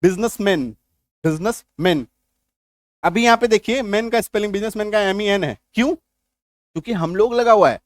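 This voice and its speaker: A man's voice: high voice, normal speed, pauses often, no room sound, clean studio sound. A man teaching a grammar lesson, explaining step by step and often checking that his students follow. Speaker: English teacher.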